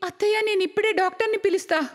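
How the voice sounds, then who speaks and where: A woman voicing a gentle but firm young daughter-in-law in a cartoon story, speaking earnestly. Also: extremely high pitch, fast, long reverb tail, pitched above the performer's own voice.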